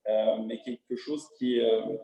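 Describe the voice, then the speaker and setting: French-accented man, halting webinar panelist, very mellow timbre, roomy video-call sound. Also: mid-range voice, fairly even intonation, dull audio. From France. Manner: hesitant, many fillers and restarts. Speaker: panelist entrepreneur.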